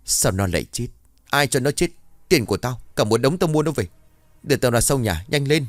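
A greedy, hot-tempered old landlord, as a man voices him, barking orders loud and high, words rushing out in fury. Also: animated, no room sound, close to an everyday voice. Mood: angry. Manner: barking, scolding.

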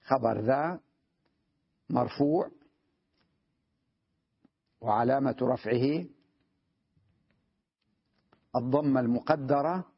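A man gives a patient grammar lesson. He repeats key phrases and keeps asking whether his listeners follow. His voice is husky, and the recording is dry and muffled, lacking crispness. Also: mid-range voice, no room sound. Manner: repeats key phrases slowly, checks understanding with questions. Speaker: Arabic grammar teacher.

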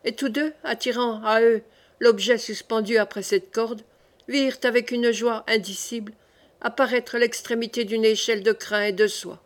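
A woman narrating a classic novel in a measured, clear reading style. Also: on the high side, fairly even intonation. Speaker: audiobook narrator.

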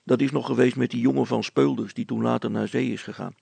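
A man reading a storybook voices a plain-spoken man recalling his youth, wandering through the memory with pauses and fillers. The voice is heavily gravelly and husky. It sits dry and close, with no room sound. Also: medium pitch, steady tone, mellow, dry recording. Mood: reminiscing. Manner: rambling, hesitant recollection. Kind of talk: audiobook dialogue reading.

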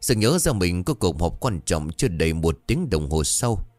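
Deep-voiced man narrating a horror story. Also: moderate pace, no room sound. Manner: expressive, dramatic storytelling.

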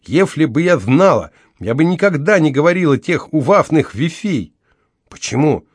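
Man voicing a young woman, heavy lisp through missing teeth, bitter, proud, raised pitch, dry close sound, audiobook. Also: lively intonation, normal speed, slightly rough, no room sound. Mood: earnest blunt.

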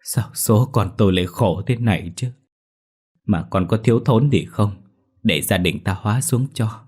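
A man's voice: lowish voice, normal speed, a little mellow, husky. A man voicing a sniffling older mother lamenting her dead son in a ghost story.

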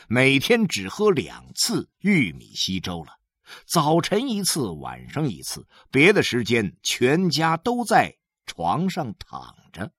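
A male narrator reads a novel aloud, swinging his pitch widely. He lingers over his words at a slow pace, in a dry, close recording. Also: breathy edge, no echo. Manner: expressive, drawn-out storytelling. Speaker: audiobook narrator. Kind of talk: storytelling narration.

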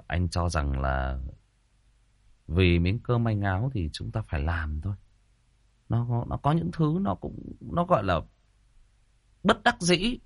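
A man tells a personal story to his listeners. His voice sits very low, and he talks in a loose, chatty way, often repeating phrases. The sound is dry, with no room echo. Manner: chatty, repetitive, addresses listeners directly.

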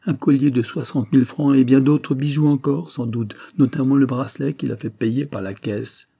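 A man's voice: fairly low pitch, steady tone, normal speed, dark tone, husky, no echo, clean studio sound. A man reading aloud as a shattered middle-aged secretary who speaks in a broken voice. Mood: agitated.

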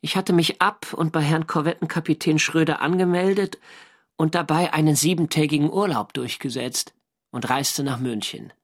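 For a radio drama, a male actor with a somewhat high voice plays a First World War navy diarist. His narration is measured, matter-of-fact and literary.

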